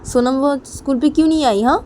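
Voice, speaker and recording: A woman voicing an angry young woman on the phone who demands answers with loud repeated questions. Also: high-pitched, a little fast, a little hiss or hum, pitched above the performer's own voice, natural voice. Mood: demanding.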